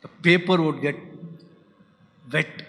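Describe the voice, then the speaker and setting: At a spiritual centre's founders day, a man whose first language is Tamil offers a reflective talk on spiritual matters. His voice is bright and fairly high, his delivery halting, and he frequently drops to a soft hush. A lecture hall's long reverb rings around his words.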